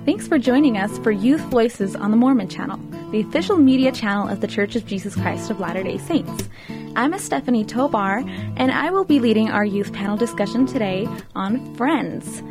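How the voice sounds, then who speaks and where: An eighteen-year-old Chilean woman hosts a youth panel discussion in a studio, with music playing. Her fairly high voice has lively intonation, and she talks things through in a reflective, unhurried way.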